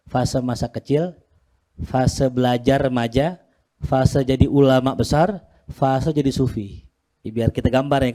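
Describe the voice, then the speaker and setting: A man's voice: mid-range voice, dark tone. Casual, jokey male Islamic teacher. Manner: casual, jokey, teasing his students. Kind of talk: religious study lesson.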